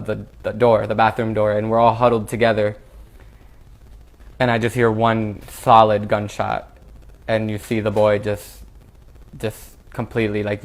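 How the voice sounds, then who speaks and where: A young man recounting a traumatic event he survived, speaking haltingly with frequent restarts. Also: lowish voice. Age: young adult. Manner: halting and flat, with repeated restarts. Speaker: shooting survivor. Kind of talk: recounting a personal ordeal.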